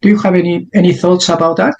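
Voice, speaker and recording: Halting man hosting an interview. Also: high-pitched, fairly even intonation, dull audio. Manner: halting, many restarts and fillers. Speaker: interview host. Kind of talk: interview questions.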